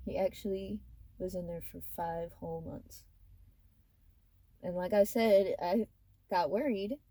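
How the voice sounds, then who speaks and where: A young adult woman vlogger telling a personal story in a casual, rambling, fond way, with animated emphasis and trailing asides. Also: fairly low pitch, breathy edge, rough recording.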